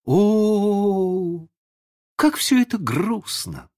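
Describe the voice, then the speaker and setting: Man doing a shrill little twin boy. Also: huge pitch swings, measured pace, bright, forceful tone, heavily acted. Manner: shrill and pleading. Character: excitable small boy twin.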